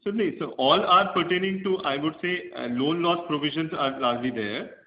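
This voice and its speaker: A man speaks on speakerphone from an echoey conference room, and the audio comes through dull and muffled. He is a bank executive explaining figures to analysts on a call. He talks in a measured way, with many fillers and restarts. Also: fairly high pitch, a little hiss or hum.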